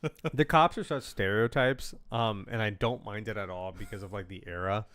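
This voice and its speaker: A man's voice: fairly low pitch, normal speed, fairly bright tone, dry recording. A young man co-hosting a casual film-review podcast, chatty with lots of fillers, reading plot summaries aloud. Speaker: podcast co-host.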